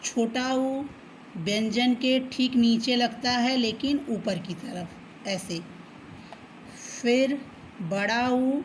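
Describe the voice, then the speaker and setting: A woman teacher patiently explaining a children's lesson, often checking in with a quick okay and drawing words out slowly to sound them out. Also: on the high side, slight background noise, low-quality recording. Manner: slow, drawn-out syllables when reading words aloud. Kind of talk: children's Hindi alphabet lesson.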